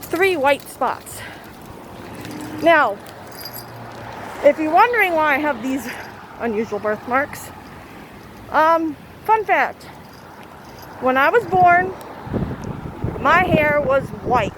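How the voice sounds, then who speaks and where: A woman chatting casually and haltingly to her vlog viewers, outdoors in strong wind. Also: sits high, expressive, poor audio. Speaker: vlogger. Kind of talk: casual rambling vlog chat. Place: outdoors in windy weather. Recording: loud wind noise, outdoors.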